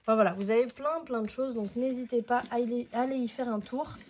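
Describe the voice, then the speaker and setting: A woman's voice: a little high, fairly even intonation, brisk, darkish tone, slight background noise. A woman hosting a casual scrapbooking tutorial at home, chatty and hesitant, with many fillers.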